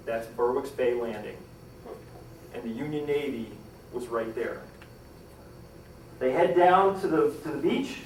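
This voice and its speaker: In an echoey room, a male storyteller gives a dramatic live talk on history, performing quoted lines with climbing pitch and volume. The mic sits at a distance, with faint ambience and slight background noise.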